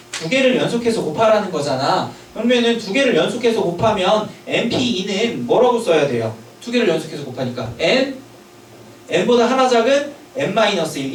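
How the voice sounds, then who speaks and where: A man teaching a math lecture, drilling students with quick checking questions and an emphatic, sometimes scolding manner. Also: high-pitched. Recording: echoey room with distant mic.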